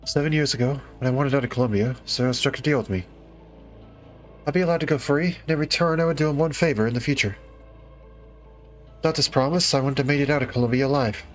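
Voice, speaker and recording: A man's voice: medium pitch, quick pace, pauses often, natural voice. Man reading as a reserved young courier woman, plain and level, faint music behind. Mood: steady.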